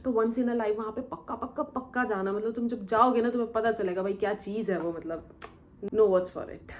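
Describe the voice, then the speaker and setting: Young woman vlogger, casual Q&A storyteller, animated and colloquial, mid-pitched. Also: moderate pace, slight background noise. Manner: animated, colloquial, mixes English words into speech.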